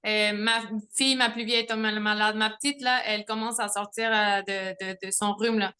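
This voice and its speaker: A young Mexican mother, speaking at a moderate pace in a medium-pitched, steady voice that sounds pushed and bright, gives a casual spoken testimony over a video call. She's at home with children nearby, chatting with plenty of fillers and small laughs.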